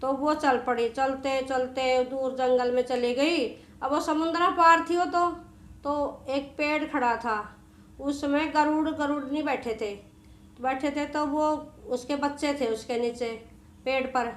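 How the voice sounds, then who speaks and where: A woman storyteller narrates a devotional folk tale in a homely, conversational manner, often repeating herself. Her voice is high-pitched. The room gives it a noticeable echo. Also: steady tone, measured pace. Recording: echoey room.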